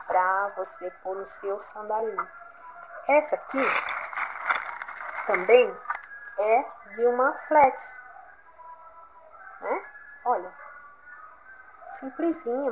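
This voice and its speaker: A woman's voice: fairly high pitch, background noise. A Brazilian woman chatting casually from home as she shows her craft work to viewers, encouraging them as she goes. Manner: chatty, encouraging, keeps saying "gente" and "olha". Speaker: crafts vlogger.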